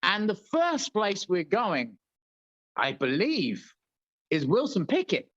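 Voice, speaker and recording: A man's voice: high-pitched, huge pitch swings, takes it slowly, fairly bright tone, muffled recording. Boisterous, crude British man hosting. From Britain. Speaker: show host. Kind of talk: casual tasting chat.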